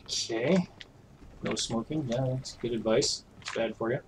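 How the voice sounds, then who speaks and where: A man streams a puzzle game in casual let's-play style, thinking aloud in a chatty, uncertain way as he figures things out. His mid-range voice moves a little slowly over a noisy background.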